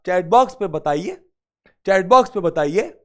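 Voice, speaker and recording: Teaching a live online maths class, this young man repeats himself energetically and tempts students along with playful remarks. His voice sits high, his pace is normal, and his throat seems a bit sore.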